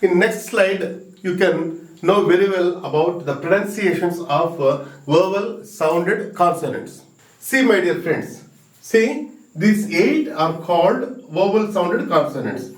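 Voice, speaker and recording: Guy teaching grammar real slow, high-ish voice, echoey room, a bit far from the mic. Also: lively intonation. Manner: slow and emphatic, repeats key words and spells out sounds. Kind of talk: exam-prep grammar lesson, mixing English and Telugu. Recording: roomy echo, mic at a distance.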